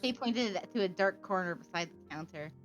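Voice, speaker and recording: A woman streamer reading visual novel narration aloud in a steady, lightly wry way. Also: fairly low pitch, moderate pace, lo-fi sound, soft background music.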